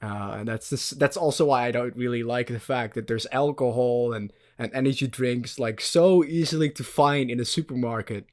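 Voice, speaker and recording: A young man chats loosely and rambles through his thoughts, dropping casual swear words and laughing easily. He is hosting a relaxed podcast conversation. His voice sits at a middle pitch for a man. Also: moderate pace, few pauses. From Netherlands. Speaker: podcast host. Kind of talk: casual chat.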